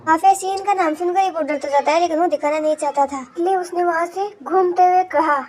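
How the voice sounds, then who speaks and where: A woman's voice: very high voice, fairly even intonation, fast talker, darkish tone. A woman narrating a fan-fiction story in a plain retelling manner.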